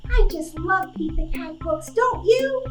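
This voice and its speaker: A woman's voice: very high voice, lively intonation, measured pace, roomy sound, music in the background. A woman voicing a spunky, confident little girl in a children's puppet show, with an exaggerated, sing-song childlike delivery. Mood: friendly.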